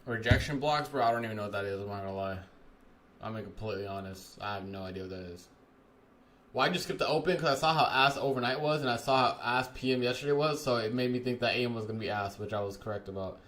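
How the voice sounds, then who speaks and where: A man's voice: medium pitch, fast, fairly bright tone. A young man doing casual livestream trading commentary in a slangy, swearing gym-bro manner, saying bro constantly. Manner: gym-bro hype talk, slangy and profane, says bro constantly. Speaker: live trading streamer.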